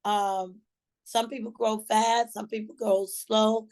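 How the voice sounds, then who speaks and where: A woman with a slightly high voice and a Georgia Southern accent hosts a motivational call for her sales team. She talks in a folksy, colloquial way, encouraging the group like a team leader. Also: level tone, takes it slowly, a little mellow. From Georgia, USA.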